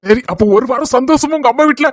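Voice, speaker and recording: A man's voice: extremely high pitch, racing, no room sound, studio quality. A man voicing a teasing, caring young husband in a cartoon, with a Kanyakumari Tamil accent. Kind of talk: cartoon voice acting.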